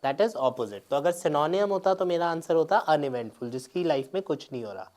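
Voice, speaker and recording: A man's voice: a little high, expressive, brisk, darkish tone. Man explaining exam answers step by step. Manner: explains step by step, mixing Hindi and English, with frequent check-ins. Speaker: teacher. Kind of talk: exam paper explanation lecture.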